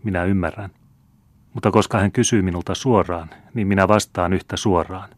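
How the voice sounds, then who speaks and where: A man voicing an old female fortune-teller who reads palms in a teasing, blunt manner, counting slowly and deliberately. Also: low voice, fairly even intonation, dry recording. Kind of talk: audiobook character reading. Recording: dry close studio sound.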